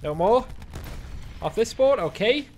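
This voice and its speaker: Lively young male gaming streamer. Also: high voice, unhurried. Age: young adult. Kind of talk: excitable gameplay commentary.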